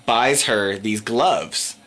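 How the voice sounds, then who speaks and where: A man's voice: lowish voice, extremely slow, fairly bright tone. A man co-hosting a podcast, trading playful jokes while casually reviewing a film. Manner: joking, playful asides. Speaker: podcast co-host. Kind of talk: casual movie review chat.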